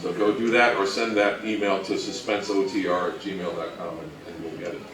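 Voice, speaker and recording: Before an event audience, a male panel presenter gives an informal talk in a low voice with little pitch movement, moving briskly. His humor is dry and self-mocking. The recording is very noisy, captured from a distance in an echoey indoor room full of people.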